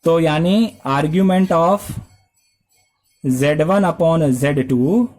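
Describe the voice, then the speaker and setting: Slow-talking high-voiced male math teacher. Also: darkish tone. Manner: explains step by step, asks and answers his own questions. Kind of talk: classroom lecture.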